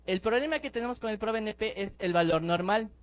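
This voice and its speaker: Emphatic high-voiced man giving a medical lecture. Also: expressive, fast talker. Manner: explanatory, emphatic, rhetorical questions. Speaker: neonatology lecturer. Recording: slightly dull lecture recording with faint noise.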